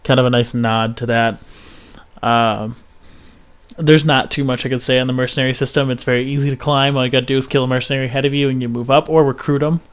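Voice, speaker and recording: A man's voice: mid-range voice, steady tone, fast, smooth. A man reviewing a video game in a casual, rambling way, giving blunt opinions with frequent restarts and fillers.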